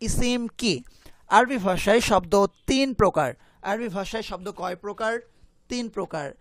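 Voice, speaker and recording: Man slowly teaching Arabic grammar. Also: high voice, no echo. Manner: asks questions and answers them himself; reads Arabic phrases slowly, then translates. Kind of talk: classroom lesson.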